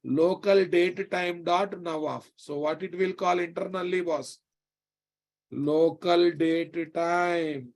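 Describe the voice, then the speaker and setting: Telugu indian guy teaching tech class, kinda high voice, says stuff twice, keeps checking you get it. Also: fairly even intonation, a little slow, few pauses. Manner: emphatic, repeats phrases and checks understanding with tag questions. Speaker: programming instructor. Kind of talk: live technical lesson.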